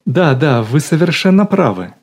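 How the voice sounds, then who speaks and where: A man's voice: mid-range voice, normal speed, darkish tone, close to an everyday voice. A man voicing a bossy middle-aged woman who swings between syrupy sweetness and barking drill-sergeant commands, in an audiobook. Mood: syrupy eager.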